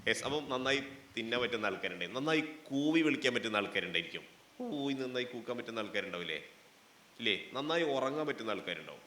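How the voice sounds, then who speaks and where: Speaking fast with lively intonation, this man has a medium-pitched voice that sounds pushed and bright. He's the guest speaker opening a college fest, using a Malabar Malayalam accent to joke with students and toss questions to the audience. The recording captures a roomy hall with a little background noise.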